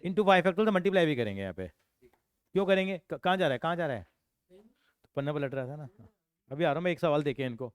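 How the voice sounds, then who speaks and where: Male tutor, walks students through each step with quick questions, smooth and dry. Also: a little high, lively intonation, dry recording. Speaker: accounts and maths tutor. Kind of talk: classroom teaching.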